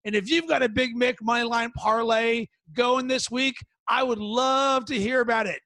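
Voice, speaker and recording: Guy with a really high voice doing a solo betting podcast, punchy and emphatic, dry sound. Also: steady tone, normal speed, pushed and bright, no echo. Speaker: podcast host. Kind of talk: sports betting podcast monologue.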